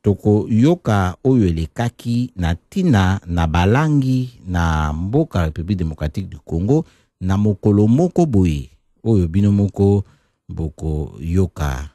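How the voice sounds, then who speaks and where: A male radio presenter calmly introducing a segment to listeners. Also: low-pitched, a little slow, dry recording, clean studio sound.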